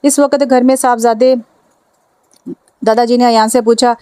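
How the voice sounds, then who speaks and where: A woman reading a romance novel aloud in a steady, even manner. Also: on the high side, normal speed, clean tone, dry recording. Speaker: novel narrator.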